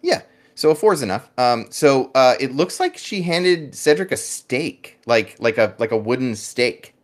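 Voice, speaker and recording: A man's voice: medium pitch, big pitch swings, a little slow. A man running a tabletop game as game master, chatty and full of fillers and restarts.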